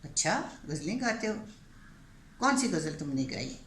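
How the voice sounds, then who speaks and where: An older woman storyteller voicing a menacing male bandit chief who gives gruff, threatening commands, in a roomy recording. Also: deep voice, big pitch swings, fairly bright tone. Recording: roomy echo, faint background hiss.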